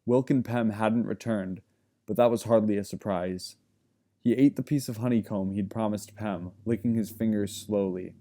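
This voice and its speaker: A man reading a fantasy novel aloud in calm, even narration. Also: lowish voice, moderate pace. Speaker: audiobook reader. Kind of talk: scripted narration.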